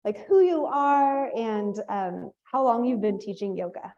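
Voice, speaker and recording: A woman's voice: a little high, expressive, a little slow, warm tone. A woman hosting an interview, upbeat and enthusiastic in a casual way. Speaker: host, training instructor. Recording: dull lo-fi sound.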